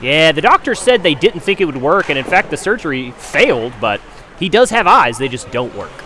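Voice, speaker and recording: A man trades wisecracks and deadpan one-liners while doing color commentary on a hockey game. His voice is a little high and swings widely in pitch. A faint background noise sits behind him. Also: a little fast. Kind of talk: casual comedic color commentary.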